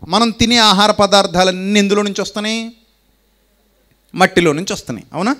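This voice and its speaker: A man with a Telugu accent delivers a sermon in a fairly high voice. He drives his points home with rhetorical questions and says key lines twice. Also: a bit bright. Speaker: preacher.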